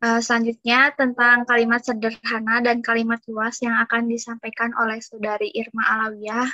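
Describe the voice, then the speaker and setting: Woman moderator, bright monotone voice, dry dull recording. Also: a little high, normal speed, no room sound. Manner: polite, formal handovers. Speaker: class moderator. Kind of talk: formal moderating.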